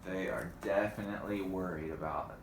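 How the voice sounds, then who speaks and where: A deep, steady voice at normal speed belongs to a man reading a children's storybook with expression and casual side comments to the little ones. There's echo in the room and some faint background noise.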